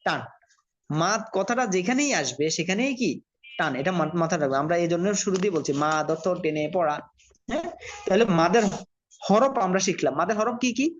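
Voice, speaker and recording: A man from Bangladesh, teaching Quran reading by spelling letters one at a time and blending them slowly, asking his learners questions. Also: high-pitched, expressive, slight background noise. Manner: addresses learners directly, asks and answers own questions. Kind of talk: slow spelled-out recitation lesson. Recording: dull lo-fi audio.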